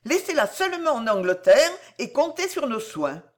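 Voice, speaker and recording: Earnest young heroine, high anxious voice, urgent pleading tone, woman narrator putting her on, storybook. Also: big pitch swings, normal speed. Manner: raised pitch, urgent and pleading. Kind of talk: audiobook character reading.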